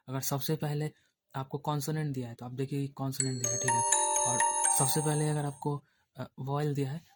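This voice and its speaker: A man's voice: mid-range voice, darkish tone. A man teaching a shorthand class in with mixed in, repeating points and checking in with his students often. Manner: repetitive explaining, checks in with "theek hai". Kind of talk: classroom lesson explaining at a board.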